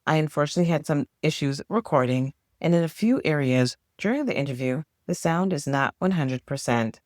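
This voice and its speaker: A woman podcast host reads her scripted introduction in an upbeat way, moving through lists with a steady rhythm. Her pitch moves up and down a great deal, and the sound is dry and close with no room echo.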